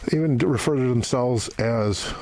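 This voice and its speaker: A man giving an unscripted walking-tour narration outdoors, halting and thoughtful, with pauses. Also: mid-range voice, a little mellow. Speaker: vlogger guide. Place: outdoors among ruined buildings in desert.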